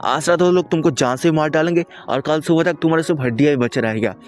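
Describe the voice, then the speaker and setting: A man voicing a cocky, blunt young male hero who talks roughly and sarcastically. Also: on the high side, quick pace, lightly acted. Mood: menacing. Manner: rough, teasing, exasperated.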